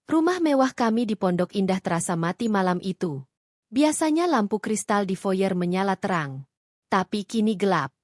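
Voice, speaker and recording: A woman's voice: mid-range voice, dry recording, clean studio sound. Dramatic woman storyteller. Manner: dramatic, suspenseful. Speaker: story narrator. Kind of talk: scripted dramatic narration.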